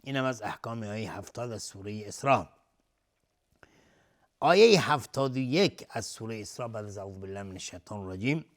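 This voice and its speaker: A man teaching Quran recitation rules in Persian, chanting each verse slowly and then explaining the pronunciation rules quickly. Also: lowish voice, animated. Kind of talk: Quranic recitation and tajweed lesson.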